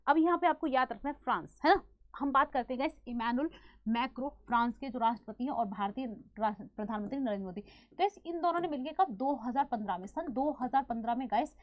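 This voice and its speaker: A woman teacher with a Hindi accent and a sore throat, talking fast and quizzing her students with repeated questions. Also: on the high side, no room sound. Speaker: current affairs teacher. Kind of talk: exam-prep lesson.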